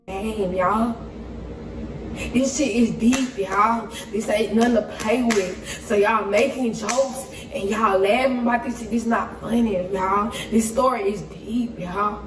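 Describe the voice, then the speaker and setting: A woman talks slowly and emphatically, drawing out each point. Her voice sounds distant and echoey, played from a video clip. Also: on the high side, steady tone. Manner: emphatic, repeating 'y'all'.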